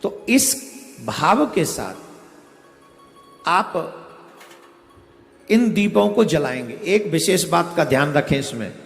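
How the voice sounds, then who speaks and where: A man preaching a devotional discourse, giving slow, step-by-step instruction. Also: fairly high pitch, expressive, vocal fry. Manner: slow, instructive, chants a Sanskrit verse in a sing-song. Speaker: spiritual preacher. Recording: echoey hall with faint music behind.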